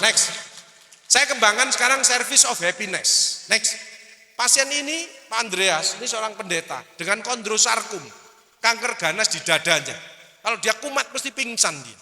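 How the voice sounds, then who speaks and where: A middle-aged man, a doctor giving an animated, joking seminar talk to an audience. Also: sits high. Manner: animated, joking, slips into Javanese phrases. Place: auditorium before an audience. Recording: reverberant hall.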